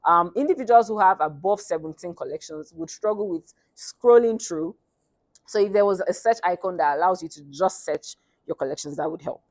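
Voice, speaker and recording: Woman, slightly low voice, academic thesis presentation, hesitant and halting, close dry sound. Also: dry recording. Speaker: student presenting research at a thesis defense. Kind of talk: academic presentation, semi-scripted.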